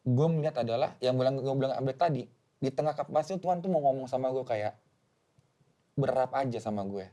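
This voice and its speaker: Fast-talking young man sharing a story. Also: medium pitch. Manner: fast, animated storytelling with acted-out quotes. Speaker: podcast co-host. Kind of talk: casual chat, personal testimony.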